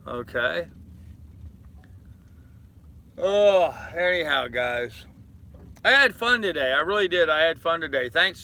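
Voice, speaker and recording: An older live-stream host sits aboard a boat at anchor, rambling through a casual chat, reading and answering comments and greeting viewers familiarly. His voice is fairly high-pitched, pushed and bright.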